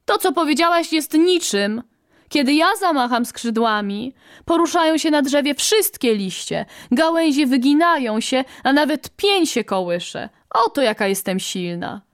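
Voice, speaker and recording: A woman's voice: high-pitched, expressive, unhurried, no echo, studio quality, pitched above the performer's own voice. A woman voicing a quarrelsome female quail who challenges the leader in a storybook reading. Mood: defiant. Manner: defiant, boastful.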